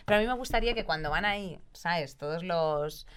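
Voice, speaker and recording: A woman's voice: on the low side, animated, fairly quick, clean tone. A woman from Spain with a Spanish accent, co-hosting a casual chat show and talking freely, with casual swearing. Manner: chatty, swears casually, calls her co-host "tía". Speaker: vodcast co-host.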